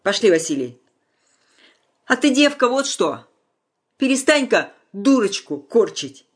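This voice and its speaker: A reader voicing a gruff domineering old father. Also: mid-range voice, very animated, a little slow, voice pushed up. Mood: angry, commanding. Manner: gruff, barking orders. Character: stern domineering peasant father, older man.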